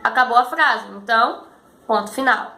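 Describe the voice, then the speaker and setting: A woman teacher explaining a lesson patiently and slowly, often checking that her students follow. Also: a little high, sharp tone. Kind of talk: recorded school lesson. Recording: echoey room with faint background noise.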